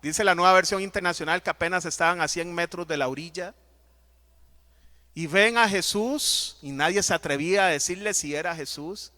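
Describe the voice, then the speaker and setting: A man preaching a sermon as pastor, emphatic and dramatic, swinging between loud and soft. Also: high-pitched, moderate pace.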